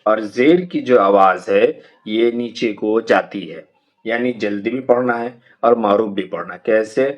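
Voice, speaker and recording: Here the same kind of lesson plays out: a man with an Indian Urdu accent slowly drills young children on the Quranic alphabet, patiently stretching out and repeating every letter sound. He speaks at a fairly low pitch in a steady tone, captured with lo-fi sound.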